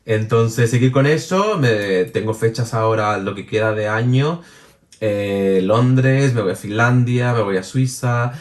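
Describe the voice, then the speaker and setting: A Chilean man speaking as an interview guest, chatting casually and lively, with many restarts and laughs. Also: mid-range voice, unhurried, distant mic. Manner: animated, many restarts and fillers, laughs easily. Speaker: interview guest, drag performer and DJ. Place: room with a jacuzzi.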